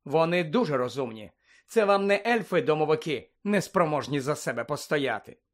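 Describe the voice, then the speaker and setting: A man's voice: fairly high pitch, lively intonation, moderate pace, lightly acted. A man reading aloud voicing a clever, bossy teenage schoolgirl who lectures her friends. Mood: earnest. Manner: earnest, lecturing. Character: fussy clever teenage girl student, bossy.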